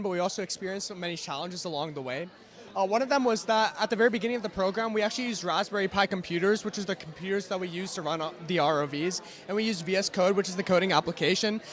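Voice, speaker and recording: A man giving a team presentation as a student, explaining quickly and linking his points with "and so". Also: sits high, fairly bright tone. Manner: quick, explanatory, with frequent "and so" links.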